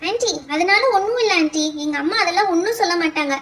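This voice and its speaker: A woman's voice: extremely high pitch, fast, fairly bright tone. A woman voicing a kind little girl who earnestly coaxes and pleads with a friend's mother in a doll show. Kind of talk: doll pretend-play voice acting.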